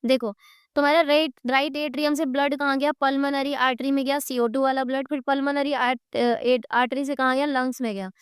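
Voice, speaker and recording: A high-voiced woman with an Indian accent teaches an exam-prep lecture, her throat a little sore. She keeps asking her students questions and answers them herself as she draws diagrams. The sound is dry and close, with no room around it. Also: little pitch movement, a little fast, no echo. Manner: quizzing students with repeated questions; drawing on a board while explaining.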